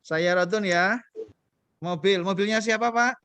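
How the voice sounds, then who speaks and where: A man's voice: high-pitched, a little slow, fairly bright tone, dry recording. Patient man teaching beginner Arabic. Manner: patient, coaxing, asks students questions. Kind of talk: online class teaching.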